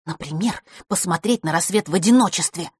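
A woman's voice: fairly low pitch, a little fast, husky, no room sound, studio quality. Woman doing an irritated young male counselor. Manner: displeased, curt.

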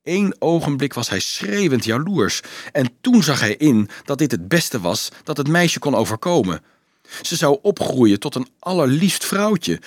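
A male audiobook narrator reading a novel aloud with an expressive, animated delivery. His voice swings widely in melody at a middle pitch, and the recording is dry and close with no room sound. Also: dry recording. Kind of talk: scripted storybook narration.

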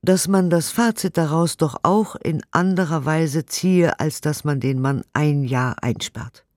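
A man with a fairly high, darkish voice delivers old letters and reviews for a radio play, unhurried, formal and declamatory yet articulate. The studio production includes music and has no echo.

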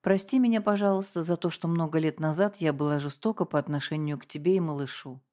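A woman's voice: deep voice, fast talker, mellow, lightly acted. A woman reading out a letter from a wealthy estranged sister, formal and apologetic.

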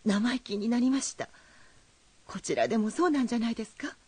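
A woman's voice: on the high side, lively intonation, fast talker, darkish tone, breathy edge, no echo. A woman playing an anxious, proper mother. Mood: worried. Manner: polite, formal speech turning insistent. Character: anxious, proper mother fretting over her son. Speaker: worried mother.

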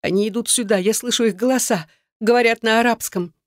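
A terrified young woman whispers and pleads for help while trapped, as the woman reading the story voices her. Her voice sits a little higher and trembles with fear. It is recorded close and dry. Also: fairly even intonation, brisk, dry recording, close to an everyday voice. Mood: frightened, pleading.

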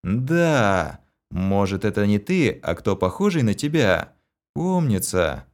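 Man shouting as a rowdy hulking young brute. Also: lowish voice, very animated, slow pace. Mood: boisterous. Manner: shouting, boisterous.

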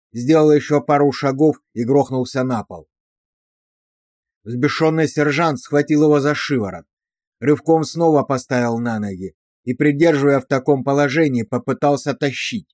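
A man narrating an audiobook in steady, measured scripted storytelling. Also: a little high, dry recording, studio quality.

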